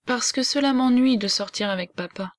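A woman's voice: fairly high pitch, moderate pace, close to an everyday voice. Woman reading as a whiny spoiled little girl, petulant and sulky, storybook voice. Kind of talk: audiobook character reading.

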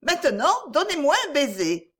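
A woman's voice: high-pitched, very animated, moderate pace, pitched above the performer's own voice. A woman doing a sweet eager little boy. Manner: bright, lilting and affectionate.

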